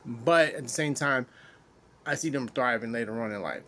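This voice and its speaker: A man's voice: mid-range voice, moderate pace, pushed and bright, a little hiss or hum. A man hosting a veterans' podcast, talking casually and from the heart in a rambling way, often restarting phrases and swearing. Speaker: podcast host, military veteran. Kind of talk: casual heartfelt monologue to listeners.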